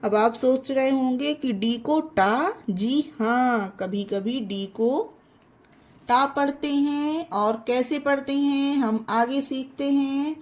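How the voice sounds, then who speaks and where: A high-pitched woman gives an online English pronunciation lesson. She spells each word letter by letter, then explains the rule to her viewers as friends. She speaks at a very slow, deliberate pace. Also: darkish tone.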